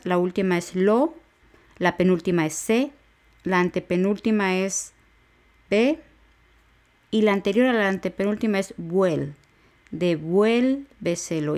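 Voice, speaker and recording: A woman hosting an educational podcast, giving a spoken grammar lesson and breaking words down syllable by syllable. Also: mid-range voice. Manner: slow, syllable-by-syllable spelling out of words. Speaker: podcast teacher for exam preparation.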